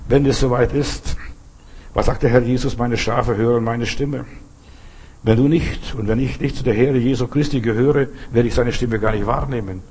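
A man's voice: mid-range voice, a little mellow, slightly rough. A man preaching a sermon, speaking to his listeners directly and often asking them questions.

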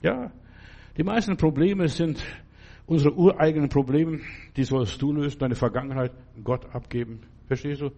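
A man's voice: a little high, moderate pace, gravelly, mellow. A man preaching a sermon in a fervent, exhorting way, speaking directly to the listener.

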